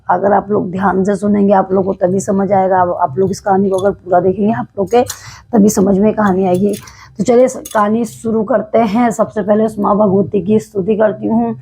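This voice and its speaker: A devout woman from Uttarakhand, India, tells a temple legend to her viewers in casual, to-camera storytelling. Her medium-pitched voice is gravelly, husky, and slightly hoarse from days of singing, warm with devotion and broken by many small hesitations as she explains. The recording quality is low.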